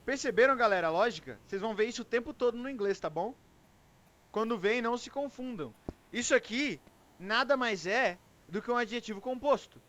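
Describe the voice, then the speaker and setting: A man's voice: very high-pitched, expressive, a little fast, a bit bright. A Brazilian man teaching English to a group in Portuguese, often checking in with "ok?" as he explains. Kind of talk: online English class.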